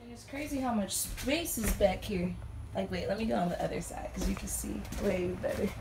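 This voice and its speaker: A woman's voice: mid-range voice, fairly quick, gravelly. A young woman casually chatting to viewers about renovating a small trailer, filming with a handheld phone. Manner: chatty, addresses viewers as y'all, drops to a whisper at times. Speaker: vlogger. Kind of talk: casual walkthrough vlog. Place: inside a small travel trailer under renovation. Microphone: phone camera held while walking. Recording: noisy phone recording with sanding noise.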